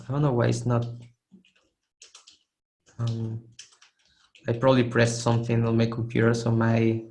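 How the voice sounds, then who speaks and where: This webinar art instructor has a mid-range, darkish voice that has gone hoarse, and he clears his throat again and again as he loses it. Giving live online critiques of 3D sculpts, he stays casual and encouraging, often restarting phrases mid-demonstration.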